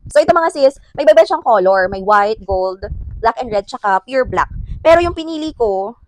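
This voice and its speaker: A woman's voice: fairly high pitch, lively intonation, normal speed. A woman from the Philippines chatting casually to her viewers in an unboxing vlog, laughing often and calling them sis. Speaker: vlogger.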